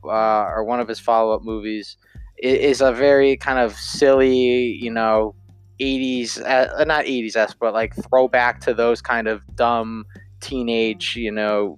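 A man's voice: mid-range voice, clear, resonant tone. A man giving a casual spoken film review, rambling with lots of fillers and self-corrections.

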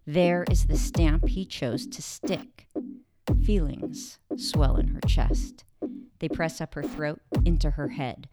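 A woman reading literary fiction aloud in a measured, deliberate way, drawing out pauses between phrases. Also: low voice. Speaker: narrator. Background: background music.

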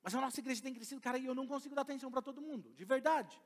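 A man's voice: very high-pitched, rapid-fire. A middle-aged man with a Brazilian Portuguese accent, preaching a sermon and speaking directly to the congregation with emphasis. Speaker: pastor. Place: church hall. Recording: long hall reverb.

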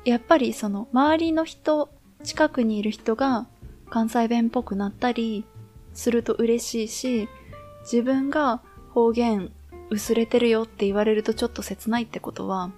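A woman with a Kansai accent chats easily on a podcast, her voice sitting a little high. She stretches her phrases out and laughs softly now and then. Faint guitar music plays underneath. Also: moderate pace. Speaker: podcast co-host. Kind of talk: casual chat.

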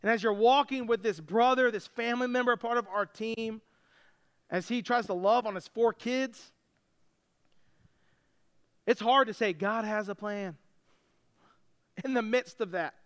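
Young guy preaching, jokey and relaxed, kinda high voice that sounds really clean. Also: a little slow, long pauses, clean tone. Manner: casual, joking, animated storytelling. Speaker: pastor. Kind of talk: sermon.

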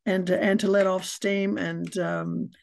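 A woman's voice: fairly low pitch, little pitch movement, unhurried, gravelly, a little mellow. A mature woman, chatting casually as an interview guest. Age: middle-aged or older. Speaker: guest, spiritual director.

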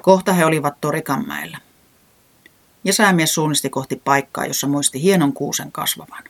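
A storyteller reading a children's storybook aloud in a calm, gentle way with a lively lilt. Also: medium pitch, gravelly.

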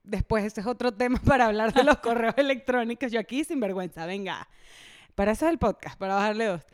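A woman's voice: a little high, quick pace. A young woman from Venezuela, co-hosting a podcast in frank, chatty conversation and laughing often. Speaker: podcast co-host. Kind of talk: casual chat.

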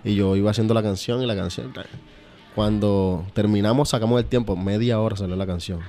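A man's voice: fairly low pitch, steady tone, a little fast, mellow. A man, a champeta singer chatting relaxedly in a podcast interview, laughing often and using street slang.

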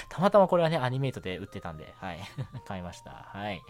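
Over a music bed, a man hosts a casual solo radio show about anime, chatting politely with lots of small filler particles. His voice is lowish, darkish and sing-song, and he speaks fairly quickly.

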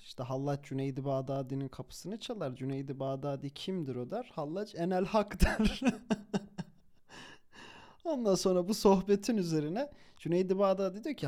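Young male storyteller, high voice for a man, animated and casual, slangy, restarts phrases. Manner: animated, chuckles while telling; informal slang, self-corrections.

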